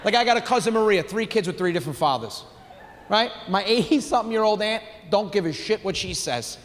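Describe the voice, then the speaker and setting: A young stand-up comedian performs a brash, profane set into a handheld mic on a theater's comedy stage. His voice is high-pitched, animated and fairly quick, with live hall reverb and a faint crowd in the background.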